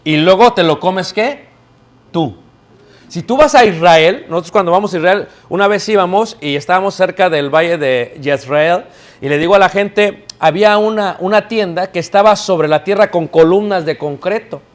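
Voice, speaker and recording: High-voiced preacher man. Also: moderate pace. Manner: lively storytelling, calls out questions to the congregation. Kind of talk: sermon. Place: church, before a live congregation.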